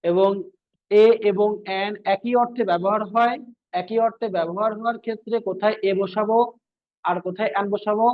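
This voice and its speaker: A man's voice: high voice, steady tone, a little fast. A male teacher explaining English grammar for an exam, repeating points and often checking whether students follow. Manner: repetitive, checks understanding with frequent questions. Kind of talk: exam-prep grammar lesson. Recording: tinny phone-like sound.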